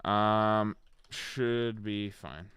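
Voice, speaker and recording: A man's voice: lowish voice, extremely slow, a bit bright, clear, resonant tone, no echo. A man chatting casually on a gaming livestream, rambling and answering his chat by name. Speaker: streamer.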